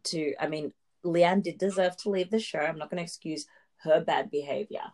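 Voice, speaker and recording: Recapping reality TV in a casual chat, this podcast co-host speaks at a moderate pace in a deep, slightly mellow voice. Her turns are long and explanatory, and she laughs a lot.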